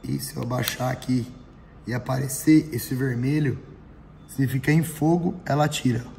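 A man's voice: mid-range voice, fairly even intonation, normal speed, gravelly, warm tone. A middle-aged man with a Brazilian accent and a thin, cracked, reedy voice, giving a casual, explanatory product demonstration. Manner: informal, explanatory, frequent tag questions. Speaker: airsoft shop product reviewer. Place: indoor airsoft shop and small range room. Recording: roomy echo, faint background noise.

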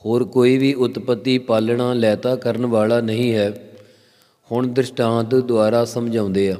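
A man giving a slow devotional exposition of scripture, intoning verse lines and then explaining them. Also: medium pitch, dark tone. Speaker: Sikh scripture expounder. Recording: long reverb.

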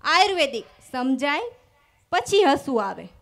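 A woman stand-up comedian with a high voice performs on stage into a microphone before a live audience. She tells stories from her shows and acts out both sides of each exchange before landing the punchline. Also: very animated, measured pace, vocal fry, fairly bright tone. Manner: storytelling with acted-out dialogue and punchlines.

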